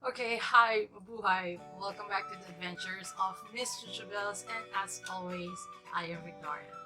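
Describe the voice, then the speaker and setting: A woman in her forties talks in a mid-range voice as a teacher vlogging to camera. She chats along in a rambling, upbeat way. Music plays clearly behind her. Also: mid-range voice, normal speed. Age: 40s. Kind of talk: casual vlog chat to camera. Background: background music.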